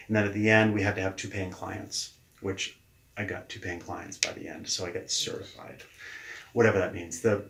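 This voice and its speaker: A man in his forties with a fairly low voice tells stories from his own life in relaxed conversation, lively and a little salty in his wording. His voice bounces around an echoey room. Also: creaky. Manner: animated, mildly profane storyteller. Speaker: guest, leadership coach. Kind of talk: casual storytelling in conversation.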